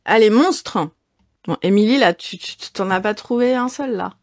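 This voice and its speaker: A woman's voice: medium pitch, moderate pace, darkish tone. A woman hosting a podcast, playfully quizzing her guests and laughing between questions. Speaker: podcast host. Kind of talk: casual podcast chat.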